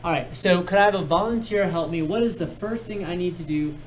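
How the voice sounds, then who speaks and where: A man's voice: high-pitched, brisk, a little hiss or hum, low-quality recording. A man teaching algebra in a classroom, patiently guiding students step by step and praising their work. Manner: patient, encouraging, guides step by step. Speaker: math teacher. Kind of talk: classroom instruction.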